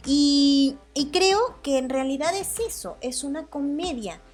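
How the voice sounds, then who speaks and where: A woman's voice: sits high, animated, takes it slowly, faint music behind. A woman with a Mexican Spanish accent hosting a solo podcast, talking in a chatty, hedging way and often correcting herself. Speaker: podcast host. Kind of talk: casual solo podcast commentary.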